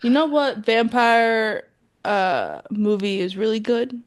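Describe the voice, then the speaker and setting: A woman's voice: on the high side, sing-song, slow. A young woman co-hosting a podcast, chatting casually in a playful, teasing manner. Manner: playful, teasing, short remarks and laughs. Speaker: podcast co-host. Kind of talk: casual chat.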